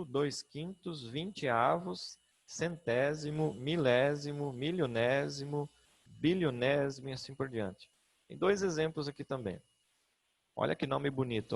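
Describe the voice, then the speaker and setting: A man's voice: medium pitch, gravelly. A middle-aged man with a Brazilian Portuguese accent teaching a grammar lesson, patient, often checking in with his students.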